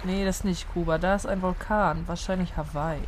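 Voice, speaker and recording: A woman's voice: on the low side, fairly even intonation, fairly quick. A woman co-hosting a comedy audio-drama skit, playful and teasing. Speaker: co-host. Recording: noisy room recording.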